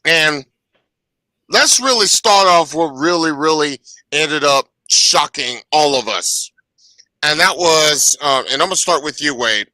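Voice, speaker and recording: Lively folksy co-host, very bright voice. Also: male voice, a little high, unhurried, dry recording. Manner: laughing, folksy, colloquial. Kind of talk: casual wrestling talk show.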